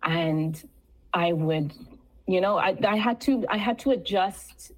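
Earnest halting woman, low voice. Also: low-quality recording. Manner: earnest, halting, restarts often. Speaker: guest, steel pan music teacher. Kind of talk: radio interview.

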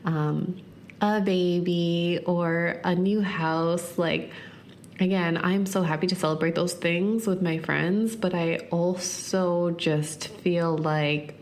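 Over slight background noise, a thirty-something woman hosts her own podcast in a steady tone, her voice on the low side. She reflects earnestly, leaning heavily on "like," and shifts her speed up and down to emphasize things.

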